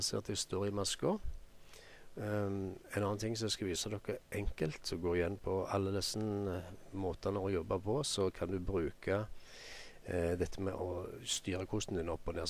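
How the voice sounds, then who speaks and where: A Norwegian man walks through a photo editing tutorial at an easy pace, pausing often with ums as he works. His voice sits low and has a gravelly edge. A faint hum runs under the recording. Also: level tone. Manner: unhurried, thinking aloud with many ums. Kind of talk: screen-recorded software tutorial.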